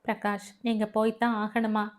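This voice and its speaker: A woman's voice: a little high, completely flat delivery, normal speed, close to an everyday voice. A woman reading the lines of a clingy young newlywed wife in an audio novel, in a pleading way.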